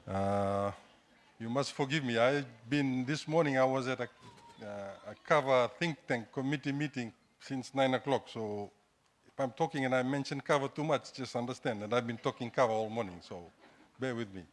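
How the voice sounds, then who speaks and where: A man's voice: mid-range voice, moderate pace. Fijian-accented man giving an informal talk. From Fiji. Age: middle-aged. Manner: self-deprecating, hesitant, conversational. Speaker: guest speaker, entrepreneur. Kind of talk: informal public talk to an audience. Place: indoor hall, standing at a lectern.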